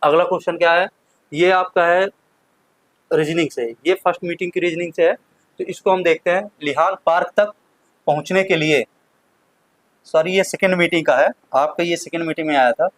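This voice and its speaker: A man's voice: a little high, fairly even intonation, moderate pace, long pauses, no room sound, poor audio. Man teaching exam questions, dry sound. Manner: explanatory, repeats key words. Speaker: maths teacher. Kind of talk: exam question walkthrough lesson.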